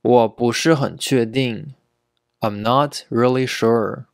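A man's voice: mid-range voice, fairly even intonation, gravelly, no echo. Male English teacher, repeats each phrase, dry close-mic sound. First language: Chinese. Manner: repeats each word and sentence several times, slow and deliberate. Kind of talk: slow repeated pronunciation drills.

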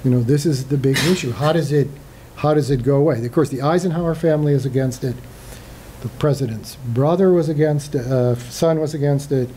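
An older man gives a slide lecture in a hall, his voice mellow and unforced. He talks conversationally, stopping for fillers and restarting phrases as he goes. A faint hiss of room noise sits behind him. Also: mid-range voice, a little fast.

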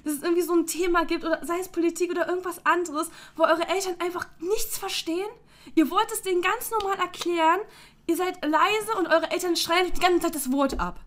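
A woman's voice: very high voice, fairly even intonation, brisk, fairly bright tone. A young woman in her twenties venting to her viewers in a casual, heated vlog rant. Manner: heated, exasperated ranting; talks directly to viewers. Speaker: YouTuber.

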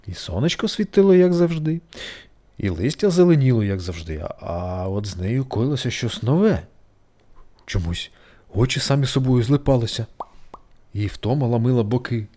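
A storyteller reading a bedtime fairy tale aloud in an expressive, sing-song manner. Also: mid-range voice.

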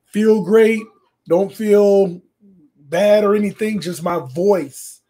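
Setting up a game during a casual livestream, a sports channel host speaks quietly and slowly in a high voice because he's losing it, reading chat aloud. He's in a small home room full of fan decor, using a desk mic on a stand.

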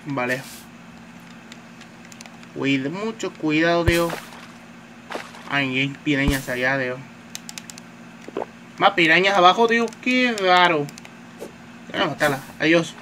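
A man talks his way through a game in a loose, chatty commentary, tossing in a filler word at every turn. His voice sits somewhat high for a man. A steady hiss of noise hangs behind a phone-mic recording. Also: slow, pauses often. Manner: chatty, says "tío" constantly, swears at enemies. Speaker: gamer. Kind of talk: casual gameplay commentary.

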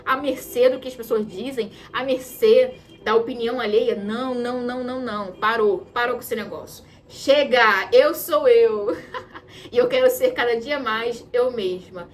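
A woman's voice: on the high side, fairly even intonation, moderate pace, hardly any pauses, slight background noise. A Brazilian woman giving an emphatic motivational talk as a mentor, repeating her key phrases for stress. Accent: Brazilian Portuguese. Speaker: women's mentor.

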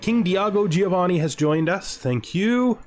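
Thinking out loud as he plays a strategy game, this gaming video host keeps his commentary casual and self-directed while background music plays. He has a high-pitched voice with lively intonation and an unhurried delivery.

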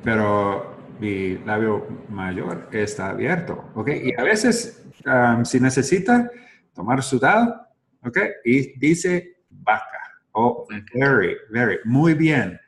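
A man teaching pronunciation to Spanish speakers, speaking slowly and repeating words for listeners to echo. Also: mid-range voice, sing-song, a little hiss or hum. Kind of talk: bilingual pronunciation lesson. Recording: roomy echo.

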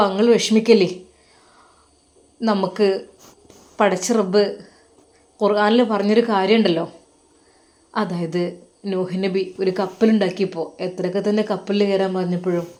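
A woman voicing a gently consoling young husband. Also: mid-range voice, steady tone, moderate pace, pauses often, close to an everyday voice. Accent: Malappuram Malayalam. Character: kind, pious young husband, comforting elders.

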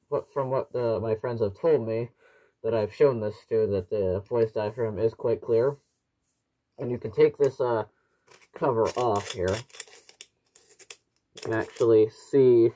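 A man's voice: mid-range voice, dark tone. A young man giving a casual, rambling, explanatory product review, his voice muffled through a gas mask. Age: young adult. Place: small living room at home, indoors.

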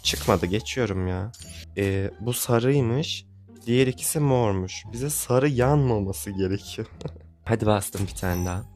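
A man's voice: fairly low pitch, unhurried, darkish tone, faint music behind. A young man giving casual gameplay commentary, pleading with and grumbling at the game as he spins for prizes. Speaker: gaming YouTuber.

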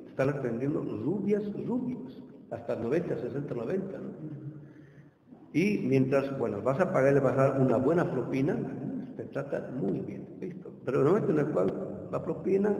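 A man's voice: medium pitch, creaky, warm tone. A man giving an informal classroom lecture, constantly checking in with his listeners with tag questions. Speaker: university lecturer. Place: lecture room. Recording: roomy hall echo, faint noise.

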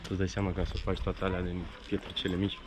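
A man with a very deep voice jokes easily with a friend outdoors. Clear background noise sits behind him on the camera audio. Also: completely flat delivery. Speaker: travel companion. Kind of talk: casual chat. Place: outdoors in a village.

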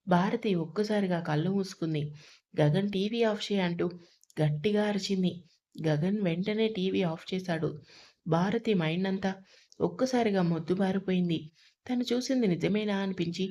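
A woman's voice: medium pitch, mellow. A young adult woman telling a dramatic audio story as a storyteller, reading each character's lines in her own voice. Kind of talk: scripted narration of a drama story.

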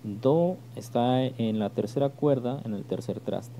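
Man, Mexican accent, bass teacher, slow, patient, loud bass playing behind. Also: over loud music. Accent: Mexican Spanish. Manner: patient, repeats "¿ok?" to check understanding. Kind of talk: step-by-step music tutorial.

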